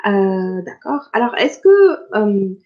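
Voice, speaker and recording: A patient woman from Tunisia, whose first language is Arabic, speaks slowly as a French conversation partner in a language-practice chat. Her voice is medium in pitch with big swings, and she is clear and repeats her questions. The recording is lo-fi.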